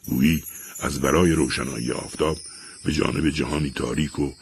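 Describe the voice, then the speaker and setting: A man narrating a literary short story as an audiobook in a slow, solemn reading with a husky, gravelly voice. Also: a bass voice, steady tone, slight background noise.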